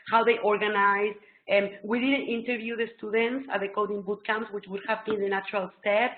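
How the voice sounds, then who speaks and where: Her English unmistakably shaped by Mexican Spanish, a middle-aged woman eagerly explains things in a webinar from a small room, using lots of ums. She has a mid-range voice. The laptop webcam video call gives a tinny, phone-like sound with a roomy echo.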